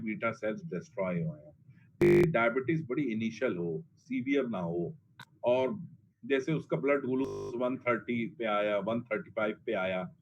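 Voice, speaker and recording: A man giving a pharmacology lecture, blunt and colloquial, repeating drug names for emphasis. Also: on the low side. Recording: dull lo-fi classroom recording, faint noise.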